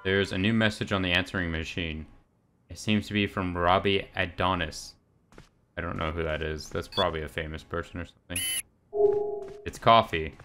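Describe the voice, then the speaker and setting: A man's voice: sits low, fairly even intonation, moderate pace, sharp tone, soft background music. A man casually commenting on a video game as he plays, with dry, sarcastic remarks and frequent laughs. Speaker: let's play gamer.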